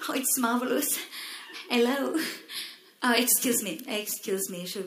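A woman's voice: fairly high pitch, fairly bright tone, echoey room. A woman voicing a pretentious middle-aged Creole mother from Réunion who gushes and drops English words into her French, with a Réunion Creole accent. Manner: affected, gushing, sprinkles English words. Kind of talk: stand-up character sketch.

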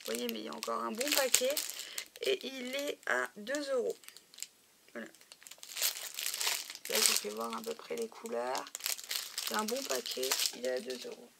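A woman with a fairly high, gravelly voice chats her way through a casual show-and-tell of craft supplies. She keeps filling gaps with "euh" and "voilà". The recording is noisy, with packets crinkling behind her. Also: expressive, normal speed, pauses often. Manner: chatty, often says "euh" and "voilà". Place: home craft room.

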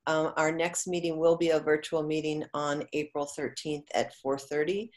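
A woman's voice: deep voice, moderate pace. A woman committee chairwoman giving a short formal report at a virtual council meeting. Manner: flat, formal.

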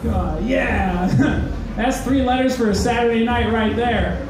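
The voice is a young man's, extremely high and slow, heard against a noisy background as he performs stand-up. His routine is self-deprecating and halting, peppered with "uh"s. The club echoes, the mic is far off, and people laugh and heckle.

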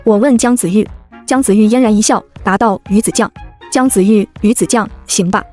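A woman's voice: medium pitch, fairly quick, a little mellow, soft background music. A woman narrating a comic web-novel story in the first person, in a snarky, joking manner.

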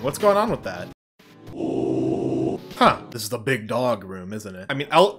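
A man streaming a game, cracking jokes and yelping at sudden moments. His voice is bright and his pitch jumps around a lot. Faint game music plays under his talk. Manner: jokey, swears, reacts loudly with laughs and yelps. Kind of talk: casual gameplay commentary.

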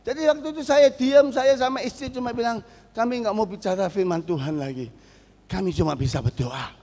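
High-voiced pastor preaching in a reverberant hall. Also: male voice, fairly quick. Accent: East Javanese Indonesian. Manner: storytelling, slips into Javanese, rises to shouting. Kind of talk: sermon. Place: large church hall.

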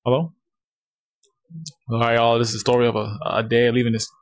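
A man's voice: medium pitch, monotone, a little fast, dry recording. A young man playing games with friends, casual and playful, with slangy, swearing reactions. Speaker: gamer, video host. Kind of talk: casual gameplay banter with friends.

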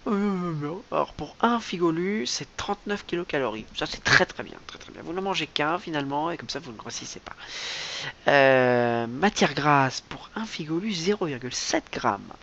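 A man's voice: on the high side, lively intonation, normal speed, creaky, a bit bright. A man rambling through a mock-serious improvised comedy monologue, stammering and repeating himself, recorded lo-fi with faint hiss. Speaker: comic vlogger.

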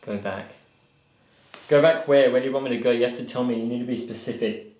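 A man's voice: mid-range voice, quick pace, a little mellow. A man in his thirties questioning unseen spirits insistently and commenting to camera in a bare basement during a ghost investigation. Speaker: paranormal investigator. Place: bare basement indoors at night. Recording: echoey basement room.

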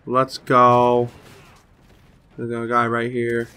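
Bright-voiced young man calling gameplay. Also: medium pitch, extremely slow, a little hiss or hum. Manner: excitable trash talk, cursing. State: slightly hoarse, a little sick. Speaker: gaming channel host. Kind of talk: live gameplay commentary.

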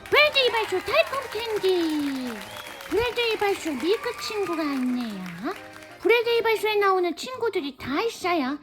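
A woman's voice: very high-pitched, sing-song, moderate pace, crowd noise. A woman hosting a children's toy show, addressing kids in an exaggerated sing-song way. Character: cute childlike cartoon-cat host persona for kids. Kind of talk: kids' toy show presentation, bright exclamations. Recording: music behind the voice. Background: music.

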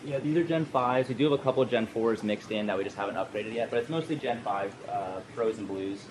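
A man's voice: fairly low pitch, quick pace. A man working at a coral store, casually explaining how things run during a walk-through tour. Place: indoor aquarium store room full of tanks. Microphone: handheld camera mic, a few feet away. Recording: noisy shop with constant equipment hum.

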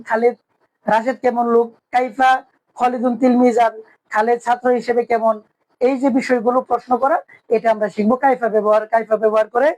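A woman teaching a language lesson, drilling each phrase by repeating it slowly and translating it. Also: a little high, darkish tone, rough recording.

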